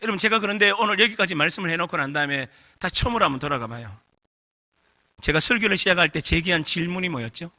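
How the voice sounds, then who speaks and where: A middle-aged male pastor preaches an animated revival sermon in a church sanctuary, firing call-and-response questions so the congregation answers back. His voice is high and quick, and the recording carries a long hall reverb.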